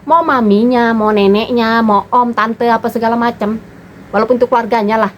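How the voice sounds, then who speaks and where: A woman, a mother giving her parenting opinions in a blunt, animated monologue. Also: fairly high pitch, a little fast, slight background noise, low-quality recording. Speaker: mother and vlogger.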